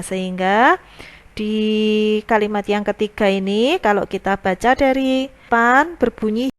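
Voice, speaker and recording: A woman English teacher from Indonesia, giving a recorded lesson. She reads English example sentences aloud and then translates each one patiently. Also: medium pitch. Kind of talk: recorded lesson explaining grammar.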